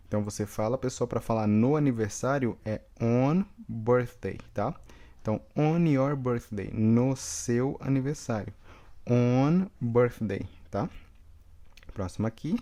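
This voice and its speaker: A man's voice: medium pitch, warm tone. A man from Brazil with a Brazilian Portuguese accent teaching English vocabulary, repeating each word and checking in with the class. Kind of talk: bilingual vocabulary lesson.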